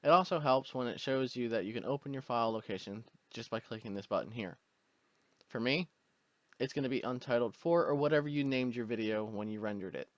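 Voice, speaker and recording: A man with hiccups hosting a casual screen-recorded tutorial, walking through the steps in a relaxed way with fillers. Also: mid-range voice, fairly quick, no echo. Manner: relaxed step-by-step instructions with fillers. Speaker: tutorial host.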